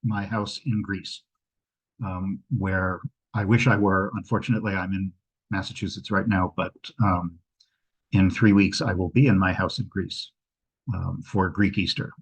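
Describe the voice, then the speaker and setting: After a travel slideshow, a travel presenter at home on a video call answers questions informally, thinking aloud hesitantly. His low, husky voice is flat and measured, and the video call microphone gives a low-quality recording.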